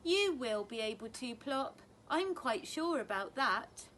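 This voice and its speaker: A woman's voice: a little high, sing-song, fairly bright tone, a little hiss or hum. Woman voicing a tired, firm mother owl. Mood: reassuring. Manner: brisk, firm.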